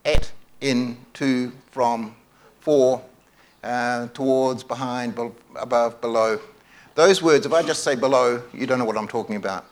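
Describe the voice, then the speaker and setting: A man's voice: medium pitch, unhurried. A man preaching a sermon at a microphone, earnest, repeating key phrases for emphasis and often restarting his sentences. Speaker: pastor.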